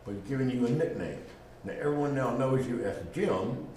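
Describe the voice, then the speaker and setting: A man's voice: mid-range voice, a little fast, darkish tone. Man giving an informal talk in an echoey room. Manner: conversational, acts out little dialogues. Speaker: speaker on genealogy and naming. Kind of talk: informal lecture. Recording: roomy echo, faint background noise.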